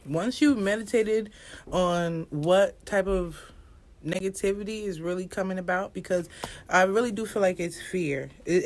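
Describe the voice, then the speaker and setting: A woman giving a casual astrology reading as an oracle card reader, rambling and repetitive, speaking straight to viewers and swearing now and then. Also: medium pitch.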